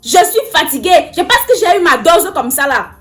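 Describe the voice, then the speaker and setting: A woman's voice: extremely high pitch, big pitch swings, moderate pace, fairly bright tone, soft background music, exaggerated voice. An actress playing a tired woman pleading with her uncle, insistent and exasperated.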